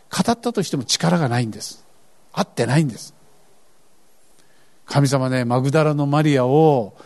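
A man's voice: fairly high pitch, a little mellow. A male pastor preaching a sermon, earnest, with questions to the congregation.

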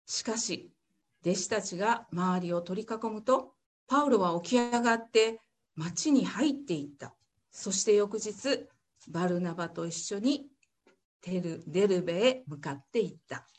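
A woman reading a Bible passage aloud in church, steady and careful, then praying. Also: mid-range voice, measured pace. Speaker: scripture reader.

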